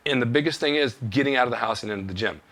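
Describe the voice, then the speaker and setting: A man's voice: medium pitch, rapid-fire, a bit bright. An older man hosting a fitness talk show, telling folksy stories and giving motivational tips. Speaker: host. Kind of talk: casual chat.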